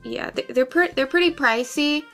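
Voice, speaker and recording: A woman hosting a casual vlog, bubbly and quick to laugh as she chats with her boyfriend. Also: high voice, creaky, pushed and bright, faint music behind. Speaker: vlog host.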